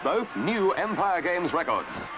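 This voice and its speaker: A man's voice: high voice, big pitch swings, takes it slowly, background noise. Man narrating an old newsreel. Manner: crisp, declamatory, with dramatic emphasis. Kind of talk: 1950s newsreel commentary. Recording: dull lo-fi 1950s newsreel soundtrack with music.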